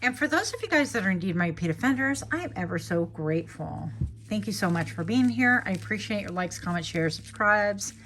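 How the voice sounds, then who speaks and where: A woman's voice: medium pitch, lively intonation, brisk, fairly bright tone, a little hiss or hum. A woman doing a casual tarot reading to camera, chatty and rambling, correcting herself and laughing lightly as she goes. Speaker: tarot reader.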